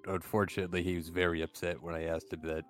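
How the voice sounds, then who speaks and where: Deep-voiced, wry male player. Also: little pitch movement, fast talker, soft background music. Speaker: tabletop game player. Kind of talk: casual in-game banter.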